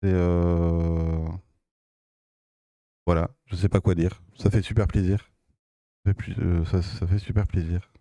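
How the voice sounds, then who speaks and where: A man's voice: sits low, flat delivery, unhurried, long pauses, mellow, dry recording. A man with a Belgian French accent giving casual, somewhat hesitant live commentary as a game streamer.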